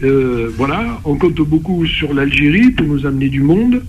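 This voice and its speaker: A man's voice: on the high side, expressive, lo-fi sound, a little hiss or hum. Eager, persuasive French man. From south of France. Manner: eager, persuasive, halting restarts. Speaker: guest, event co-organizer. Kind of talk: radio interview.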